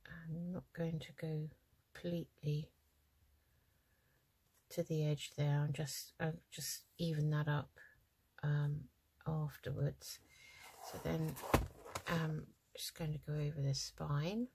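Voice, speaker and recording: A woman's voice: low-pitched, fairly even intonation, takes it slowly, gravelly, long pauses, warm tone, slightly rough. A middle-aged woman hosting a craft channel, talking casually and hesitantly through her project with many ums, tired and yawning. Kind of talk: casual crafting tutorial chat.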